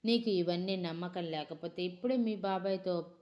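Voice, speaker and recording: A woman voicing a smug, scheming young man who answers calmly in a storybook. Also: fairly low pitch, moderate pace, muffled recording, natural voice. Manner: calm, smug replies.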